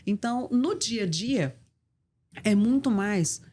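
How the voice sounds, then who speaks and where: A woman's voice: mid-range voice, lively intonation, takes it slowly, darkish tone, slight background noise. A middle-aged woman from Brazil with a Brazilian Portuguese accent, an interview guest and communication mentor explaining with emphatic examples. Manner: assertive, didactic, emphatic delivery.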